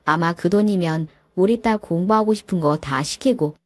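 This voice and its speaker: A woman narrating a dramatic first-person story in an indignant, sharp-tongued manner. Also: fairly low pitch, normal speed, dry recording.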